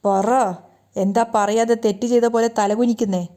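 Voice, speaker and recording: A woman's voice: a little high, steady tone, measured pace, natural voice. A woman voicing a hot-tempered young husband who accuses and scolds in anger. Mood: furious. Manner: shouting, accusing.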